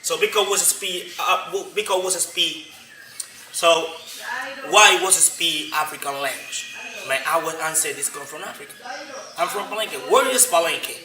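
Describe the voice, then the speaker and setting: A man from Colombia with a Colombian Spanish accent, explaining his community's history as a local guide in halting, repetitive English. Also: a little high, pushed and bright. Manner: halting non-native English, repetitive, frequent "you know?". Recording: roomy, distant from the mic, faint noise.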